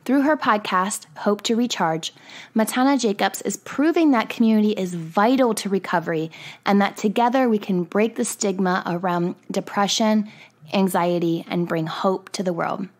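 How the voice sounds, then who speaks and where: A woman's voice: mid-range voice, darkish tone. A woman hosting a podcast, reading an earnest intro and then interviewing her guest in an upbeat, encouraging way. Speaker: podcast host.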